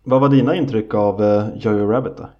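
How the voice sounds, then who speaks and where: A man co-hosts a film podcast in an easy, conversational way and asks his partner questions. His voice is fairly low, and the recording is dull and lo-fi. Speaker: podcast co-host. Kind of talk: casual film chat. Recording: dull lo-fi sound.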